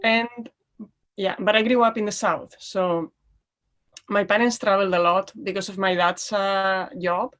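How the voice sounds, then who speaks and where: A woman from Spain, a guest on a video-call chat, relaxed and quick to laugh, with a slight cough. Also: medium pitch. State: slight cough, clearing throat. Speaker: guest, knitwear designer.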